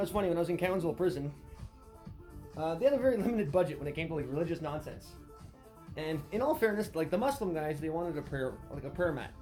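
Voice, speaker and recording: A man's voice: fairly high pitch, warm tone, poor audio. A man delivering a sarcastic, rambling, profane comedy rant as host.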